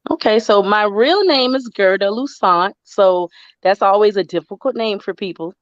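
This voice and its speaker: A middle-aged writer from Florida, a guest in a casual online interview, rambles in loose runs full of fillers and restarts, laughing often and sounding chatty. Her mid-range voice moves at normal speed over a video call, with no echo but a muffled sound.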